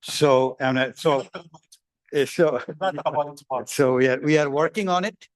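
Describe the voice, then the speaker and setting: Panelist: mid-pitched man, keen, upbeat, repeats for emphasis, dry mic. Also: unhurried, no echo. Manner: enthusiastic, repeats himself. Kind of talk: speaking on a conference panel. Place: conference hall.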